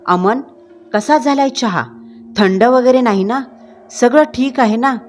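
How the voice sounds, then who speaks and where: A woman voicing a gentle, loving wife and mother who asks softly and affectionately, with faint music behind. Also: lowish voice, animated, a little slow. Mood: tender. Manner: soft, affectionate asking.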